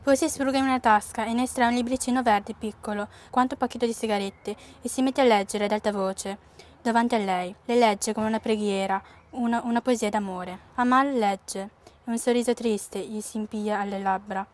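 Teenage girl, slightly high voice, measured story reading. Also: fairly even intonation. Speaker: student reader. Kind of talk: school news broadcast reading.

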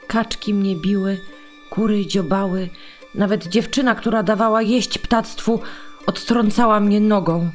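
A woman's voice: medium pitch, fairly even intonation, measured pace, soft background music, lightly acted. A woman playing a small, timid, downcast duckling in a fairy-tale radio play, plaintive and naive. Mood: sad, meek.

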